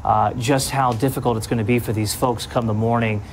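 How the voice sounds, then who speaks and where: A man's voice: mid-range voice, steady tone, brisk. Male news anchor over noticeable background noise. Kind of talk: live storm coverage commentary.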